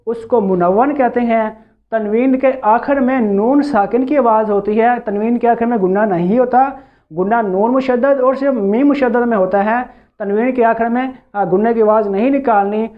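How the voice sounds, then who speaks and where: A man teaching Quran recitation rules, explaining patiently and repeating himself, with slow drawn-out recited examples. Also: high voice. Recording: tinny phone-like sound.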